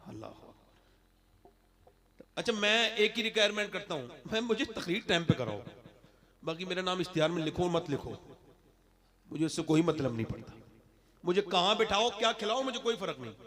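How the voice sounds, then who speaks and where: A man preaching a fiery religious sermon to a gathering, moving from quiet asides to impassioned shouting and firing rhetorical questions at the crowd. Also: high voice, lively intonation, moderate pace, pauses often.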